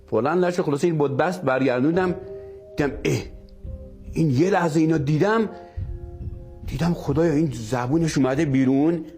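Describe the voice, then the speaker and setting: Male storyteller, higher register, emphatic and repetitive, soft music bed. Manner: emphatic, repeats phrases. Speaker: storyteller guest. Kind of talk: animated storytelling.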